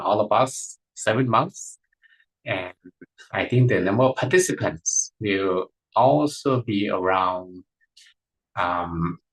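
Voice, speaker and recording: Slow, husky-voiced monk teaching meditation. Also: male voice, fairly low pitch, low-quality recording. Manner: hesitant, many fillers and restarts. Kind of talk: live online meditation talk.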